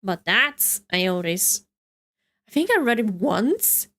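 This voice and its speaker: A woman's voice: mid-range voice, big pitch swings, takes it slowly, a bit bright. A woman streaming a video game, talking casually and thinking aloud, puzzled and laughing at herself.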